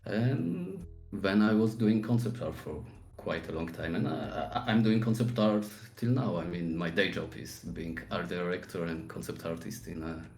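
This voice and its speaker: A man's voice: low voice, normal speed, a little mellow, echoey room, faint music behind, rough recording. A man in his forties from Poland with a Polish accent, easygoing and searching for words as a guest in a casual podcast interview. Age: 40s. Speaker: guest artist.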